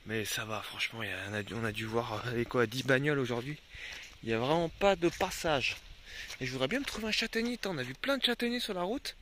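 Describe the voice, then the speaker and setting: A young man vlogs casually to camera outdoors by a river while traveling, chatting with viewers and his dogs and swearing now and then when annoyed. His medium-pitched voice is quick with lively intonation, over some background noise.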